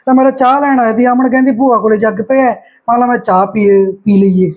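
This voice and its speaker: A man's voice: very high-pitched, steady tone, fast, a little mellow. A young man acting an easygoing, resigned nephew in a village short drama, mild and conciliatory, with a Malwa Punjabi accent. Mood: casual. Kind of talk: amateur short-film acting.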